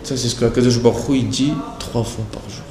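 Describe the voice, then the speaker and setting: A man's voice: mid-range voice, steady tone, fast, background noise. A man giving a Talmud study lesson as a religious teacher, explaining phrase by phrase with restarts and rising into a sing-song chant when he quotes the texts. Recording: echoey room with faint ambience.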